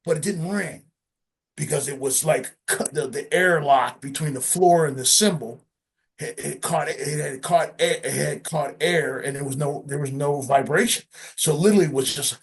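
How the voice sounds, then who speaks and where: A man, a session drummer, telling studio stories in a casual interview, lively and acting out sounds with frequent laughs. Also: on the high side, normal speed, breathy edge. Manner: animated, acts out sounds and quotes, laughs often.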